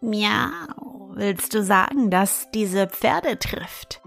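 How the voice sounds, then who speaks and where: A woman voicing a clever, scheming female cat in a fairy tale, slipping meows into her lines, unhurried, with faint music behind. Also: medium pitch, lively intonation, vocal fry, fairly bright tone, heavily acted. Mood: coaxing. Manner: starts lines with a meow.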